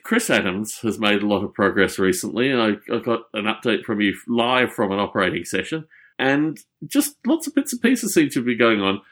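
A man's voice: medium pitch, fairly bright tone. A man hosting a casual call-in chat, welcoming callers and asking about their projects. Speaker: host.

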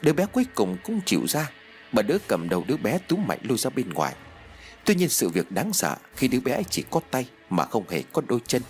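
A man narrating a horror audiobook in an expressive, dramatic storytelling manner. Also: medium pitch, a little fast, faint music behind.

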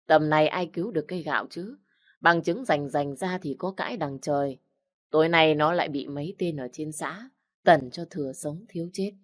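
A woman narrating an audiobook story in a steady storytelling manner. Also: deep voice, no room sound, studio quality. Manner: steady storytelling, voicing every character.

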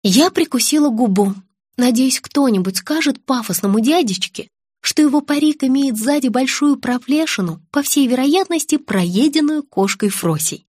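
A woman reads an audiobook with ironic, lively storytelling. Her voice sits fairly high, and the recording is dry and close. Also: normal speed, breathy edge, dry recording. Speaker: narrator. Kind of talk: audiobook narration.

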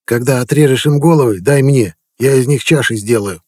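A man voicing a nervous, twitchy thin male healer who talks in shrill bursts. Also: normal speed, darkish tone, no room sound, clean studio sound, close to an everyday voice. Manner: jittery, shrill.

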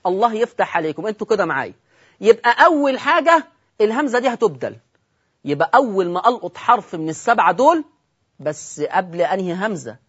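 A man with an Egyptian accent teaching Quran recitation on television, quizzing his listeners, repeating key points and slowing down to recite examples. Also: high voice, sing-song, a bit bright, slightly rough. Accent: Egyptian Arabic. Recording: dull lo-fi broadcast audio.

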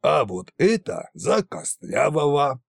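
A man voicing an old, mischievous undead tsar who speaks in a slow, mock-menacing booming voice in an audiobook. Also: big pitch swings, creaky, dry recording, studio quality, exaggerated voice.

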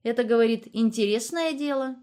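A woman's voice: a little high, fairly quick, mellow, voice pushed up, close to an everyday voice. Verka, a woman doing a cheeky, nosy village nurse. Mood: chatty, prying. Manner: chatty, coquettish and prying.

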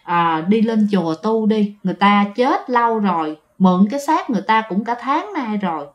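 A woman voicing a calm, stern old male exorcist who scolds firmly. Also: medium pitch, normal speed, muffled recording, close to an everyday voice. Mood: scolding.

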